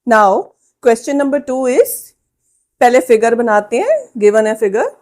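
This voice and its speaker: Slow-dictating woman maths teacher. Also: a little high, very animated, a little mellow. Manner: slow, dictating proof steps word by word, often checking "ठीक है?". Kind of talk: Hindi-English maths lesson at a whiteboard.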